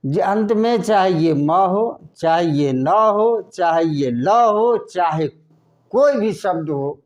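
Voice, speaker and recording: A man teaching a lesson in a slow classroom style, asking questions and then answering them himself. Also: high-pitched, animated, a little mellow. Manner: asks questions and answers them himself, repeating words slowly.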